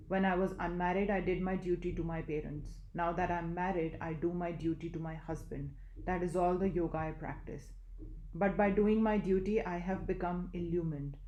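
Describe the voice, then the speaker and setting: A woman reading the lines of a calm, wise housewife who gently scolds, in an echoey room. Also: lowish voice, close to an everyday voice.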